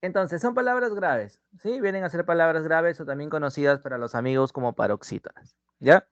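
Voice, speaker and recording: A man's voice: a little high, no room sound. A man teaching an online language class with a Peruvian Spanish accent, drawing out his words and checking in with the students as he goes. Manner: drawn-out teacher's delivery, checks in with "¿no?" and "ujú". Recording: dull muffled sound, dry close mic.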